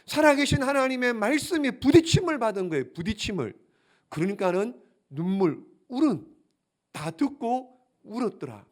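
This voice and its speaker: A man's voice: high-pitched, darkish tone. A male pastor preaching a sermon in a church sanctuary, asking the congregation one rhetorical question after another in a fervent, pleading way. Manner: emphatic, grows more fervent and pleading.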